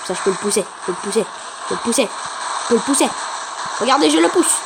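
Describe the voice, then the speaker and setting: A woman giving chatty, excitable gameplay commentary for her channel, talking to viewers and taunting opponents. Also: fairly high pitch, quick pace, noisy background.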